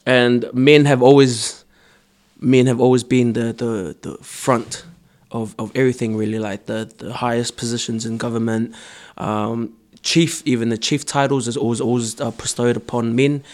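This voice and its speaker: A man's voice: mid-range voice, flat delivery, normal speed, a little mellow. Hesitant young New man. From born in Samoa, raised in New Zealand. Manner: hesitant, many ums and restarts, earnest. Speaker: dancer and choreographer guest. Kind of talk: casual interview answers.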